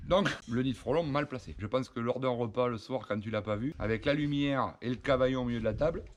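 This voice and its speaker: A man from France clears wasp and hornet nests outside a house, chatting and cracking jokes as he works and speaking to the insects as well as to the camera. His mid-range voice is animated, and he talks a bit quickly.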